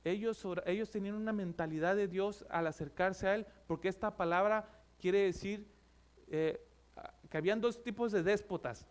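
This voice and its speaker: A pastor preaches a sermon in a high, light male voice. He explains word meanings and calls his listeners brothers. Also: moderate pace.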